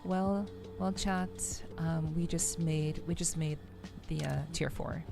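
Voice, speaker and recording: A female streamer, possibly a VTuber host, chats with her audience in a low, gently creaky voice. Her game commentary is casual and ASMR-style, slow and fairly level in intonation, as she feels her way along softly over background music.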